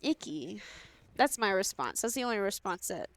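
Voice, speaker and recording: A young woman doing casual live esports commentary, excitable and teasing, often breaking into giggles. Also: medium pitch, moderate pace, dry recording. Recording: faint background noise.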